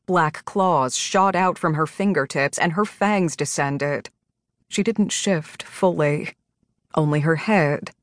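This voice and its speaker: A woman narrating a romance audiobook in an even, measured reading. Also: low voice, no room sound, studio quality.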